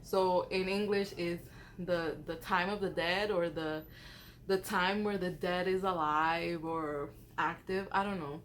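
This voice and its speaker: A woman's voice: on the low side, steady tone, unhurried. Woman telling spooky stories over background noise. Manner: chatty, slangy, acts out quoted dialogue. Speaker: storyteller. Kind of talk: casual spooky storytelling.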